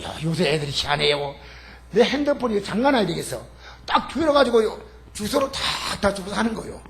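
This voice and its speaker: High-pitched, lively older Korean pastor preaching. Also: male voice, vocal fry. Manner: animated preaching with humorous asides; emphatic, calls out to the congregation. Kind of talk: sermon. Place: church sanctuary.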